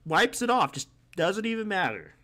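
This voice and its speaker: Guy hosting a podcast, lively up and down voice, rambly and laughing a lot. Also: high voice, moderate pace. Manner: rambling, laughs often, many fillers. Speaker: podcast host. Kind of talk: casual chat.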